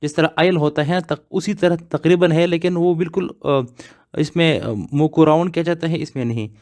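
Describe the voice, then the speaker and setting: A man with a slightly high, darkish voice teaches an English grammar lesson at normal speed and in a steady tone, explaining slowly and step by step. He repeats example words one at a time and asks his class questions, then answers them himself.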